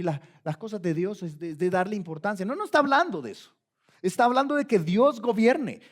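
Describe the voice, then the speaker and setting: A high-voiced man delivers a sermon inside a church. He talks straight to his congregation and presses his points with insistent, repeated commands. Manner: emphatic, direct address, repeated commands. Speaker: pastor.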